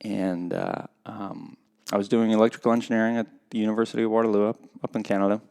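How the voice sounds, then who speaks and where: His lowish voice is creaky, darkish and smooth, with fairly even intonation. The speaker is a man in his thirties from Russia, a skydiving competitor guesting on a podcast, who answers a casual interview reflectively and unhurriedly, hesitant with many pauses.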